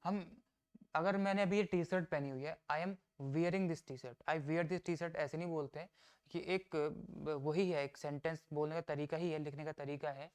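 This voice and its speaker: A man teaching an exam-prep grammar lesson, explaining step by step, reading example sentences out slowly and answering his own questions. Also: fairly high pitch, steady tone, a little mellow, clear, resonant tone. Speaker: English teacher.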